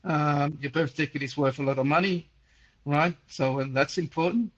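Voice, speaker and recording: A man's voice: fairly high pitch, fairly even intonation, brisk, lo-fi sound. A man in his sixties from Chile, who says he is nearly deaf, hosting a casual call-in chat and answering questions in a rambling way, with many fillers and repeated words. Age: 60s. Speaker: host answering listener questions.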